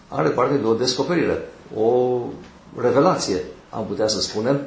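Measured male preacher in echoey hall. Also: medium pitch, lively intonation, vocal fry. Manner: measured, teaching through numbered points with pauses. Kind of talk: sermon.

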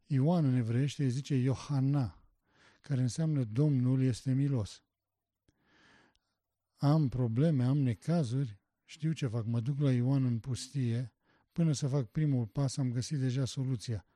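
A man preaching a sermon, emphatic, asking rhetorical questions and rising to loud passionate stress. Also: medium pitch, no room sound.

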